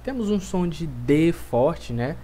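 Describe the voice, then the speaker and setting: Slow, deliberate Brazilian male teacher. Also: fairly high pitch, expressive, dark tone, a little hiss or hum. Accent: Brazilian Portuguese. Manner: clear and deliberate, repeats words slowly for drilling. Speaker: language teacher. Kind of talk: pronunciation lesson.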